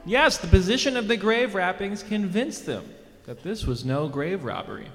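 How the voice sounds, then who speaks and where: A man's voice: sits high, animated, normal speed, heavy background noise. A man co-reading a dramatized scripture passage, restating each line in his own words. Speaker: co-reader. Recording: long hall reverb.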